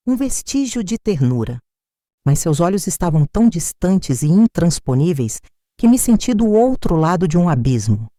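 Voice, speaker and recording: A middle-aged woman narrates a family drama in the first person, measured and dramatic. Her voice sits low and warm, with lively rises and falls. The recording is close and dry. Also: no echo. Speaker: storyteller.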